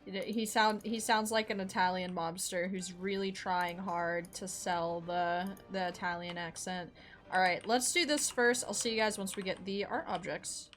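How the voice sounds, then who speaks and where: A woman's voice: mid-range voice, steady tone, moderate pace. A young woman giving casual, chatty commentary while playing a video game. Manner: chatty, amused asides. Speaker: gaming streamer.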